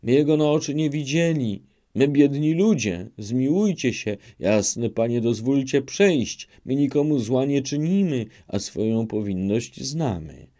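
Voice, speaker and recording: Man doing old peasant elder, pleading, rustic speech, pitched up, slow. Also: lively intonation, mellow.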